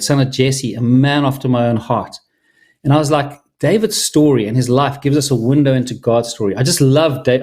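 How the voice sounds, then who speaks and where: A middle-aged Zimbabwean filmmaker presents his film to an audience in a slightly mellow, mid-range voice. He speaks earnestly and enthusiastically, restarting his sentences many times.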